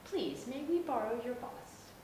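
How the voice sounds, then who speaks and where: A woman's voice: animated, unhurried. A woman voicing a grand, gracious, commanding Queen while reading a storybook to a toddler. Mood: polite, commanding. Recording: echoey room, distant mic, noisy rumble.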